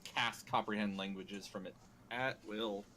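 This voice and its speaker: A man's voice: fairly low pitch, fairly even intonation, a little slow, pushed and bright, slight background noise. A man playing a tabletop game, speaking casually and a bit tentatively. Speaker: player.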